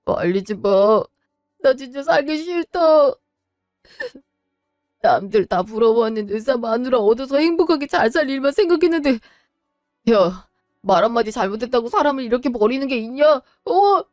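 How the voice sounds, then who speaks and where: A woman voicing a bitter, hot-tempered divorced adult son who shouts resentfully. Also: high voice, animated, moderate pace, dry recording, studio quality, soft background music. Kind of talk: Korean web drama voice acting.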